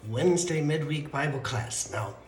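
A man's voice: fairly high pitch, animated, moderate pace. A man teaching a midweek Bible class with a congested, stuffy voice, as if talking from the bottom of a well. His teaching is chatty and rambling, with asides. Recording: echoey room with faint noise.

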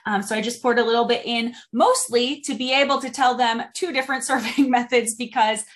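Upbeat higher-voiced woman podcast host. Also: steady tone, a little fast. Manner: upbeat and chatty, with many um fillers. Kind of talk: casual podcast chat.

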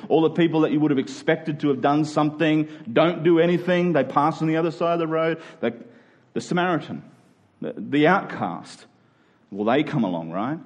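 Speaking at medium pitch with a darkish tone, this pastor delivers a conversational expository sermon on a muffled recording. He keeps asking rhetorical questions and checking in with his audience, tacking on "right?" or "okay?".

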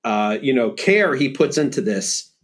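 Man, music teacher, casual chat, thoughtful, hesitant, mid pitch. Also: sing-song, a little slow. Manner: thoughtful, hesitant, many fillers. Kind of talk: casual conversation.

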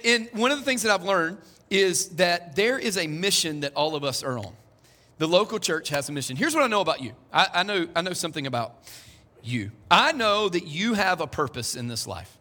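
In an echoey church hall, a man in his 40s delivers a sermon as the congregation's pastor, keeping it chatty and tossing in humorous asides. He speaks on the high side, with a bright, forceful tone.

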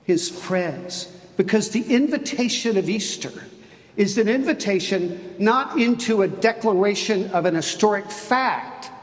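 A man preaching an Easter sermon as a bishop, deliberate and emphatic, with dramatic pauses. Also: high-pitched, expressive. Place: cathedral. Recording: long cathedral reverb.

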